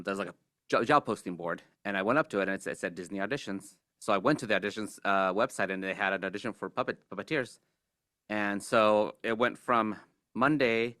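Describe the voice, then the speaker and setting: A man in his forties from Mexico, a guest puppeteer in a casual interview, talking in a relaxed, hesitant way with many fillers and restarts. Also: lowish voice, clear, resonant tone, dry recording, studio quality.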